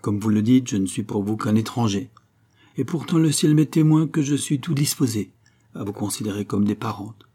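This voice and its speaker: Eager young count, read by a man, kinda pleading, raised voice, warm husky tone. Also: lowish voice, animated, moderate pace. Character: earnest young male count, impulsive and kind.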